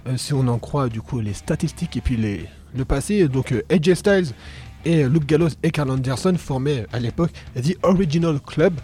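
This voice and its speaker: A man's voice: medium pitch, animated, normal speed, dark tone, slightly rough, faint music behind. A man co-hosting a casual podcast chat, talking with many hesitations and fillers. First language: French. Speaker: podcast co-host.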